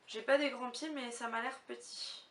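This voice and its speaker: High-voiced woman, chatty and gushing. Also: steady tone, moderate pace. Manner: gushing, chatty, thinking aloud. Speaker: vlogger. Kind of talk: casual unboxing chat to camera. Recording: roomy, distant mic with faint noise.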